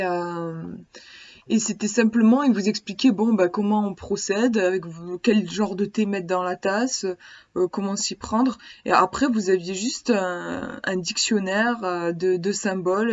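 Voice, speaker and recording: A woman vlogger chats to the camera about a book she likes. She sounds eager and keeps hesitating and starting sentences over. Her voice sits at an ordinary pitch for a woman, and the recording is slightly dull and lo-fi. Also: steady tone, normal speed, darkish tone. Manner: hesitant, many restarts, chatty and eager. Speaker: vlogger reviewing a divination book. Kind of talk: casual vlog talk to camera.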